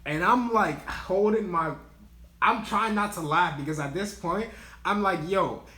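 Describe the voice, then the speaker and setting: A man's voice: sits high, a little slow, pushed and bright. A young man casually telling a funny work story, full of "like" and "yo", breaking into laughs as he goes. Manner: laid-back slangy talk, lots of "like" and "yo", laughing as he tells it. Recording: roomy echo.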